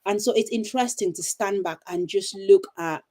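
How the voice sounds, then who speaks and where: A teacher and coach from Cameroon, a middle-aged woman, responds to interview questions on a video call with a mellow, medium-pitched voice. She answers thoughtfully, with frequent pauses and restarts.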